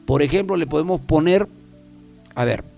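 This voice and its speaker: A man's voice: fairly high pitch, moderate pace, vocal fry, warm tone, faint music behind. A man hosting a self-help talk program, speaking emphatically and repeating key phrases for the listener. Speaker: self-help radio host. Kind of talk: motivational talk show monologue.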